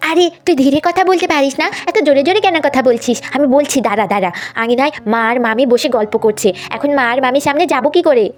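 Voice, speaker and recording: A woman's voice: sits high, fast talker, hardly any pauses, close to an everyday voice. Mischievous little twin girls, voiced by a woman. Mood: whispering. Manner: pleading, whiny, stammering. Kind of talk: puppet story voice acting.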